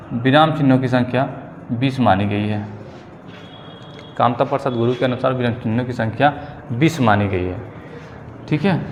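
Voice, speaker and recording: A male teacher giving an exam-prep grammar lesson, repeating key phrases slowly and checking in with his students. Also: mid-range voice. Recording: long reverb, faint ambient noise.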